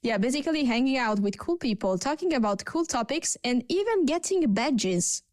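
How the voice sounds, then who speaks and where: A woman with an Italian accent co-hosts a relaxed podcast conversation over a video call. Her voice sits a bit high and comes through smooth and clean, recorded dry. She talks chattily and often pauses to search for her words. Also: dry recording. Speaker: podcast co-host. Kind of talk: casual panel chat.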